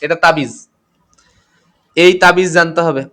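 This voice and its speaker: A man's voice: fairly high pitch, steady tone, a little slow, pushed and bright. A tired man teaching chemistry in a live online class, greeting students by name as he goes. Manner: reads out comments and greets students by name, mixes English terms. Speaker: chemistry tutor.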